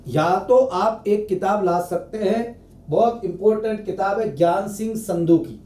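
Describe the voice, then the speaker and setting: A high-voiced male teacher gives exam advice, repeating each point bluntly. His tone is mellow and unhurried. He sounds far from the mic in an echoey room. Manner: direct, repetitive advice to students. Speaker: political science teacher. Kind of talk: exam preparation lecture.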